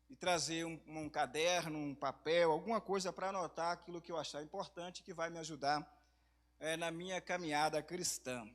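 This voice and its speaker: A hoarse man from Brazil preaching in a church, speaking slowly and softly, with louder passages when reading scripture. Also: on the high side. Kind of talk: sermon.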